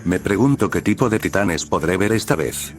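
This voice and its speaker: A man reading an eccentric woman scientist, low voice, plain. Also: animated, normal speed, soft background music. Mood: eager. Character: eager, eccentric female scientist soldier.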